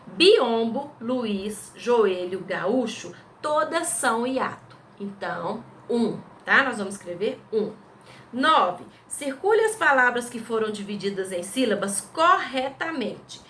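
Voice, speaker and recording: A woman's voice: a little high, lively intonation, takes it slowly, a bit bright, a little hiss or hum. A woman teacher with a Brazilian Portuguese accent patiently goes over school exercise answers step by step, often checking in with her pupils. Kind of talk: recorded remote class going over exercise answers.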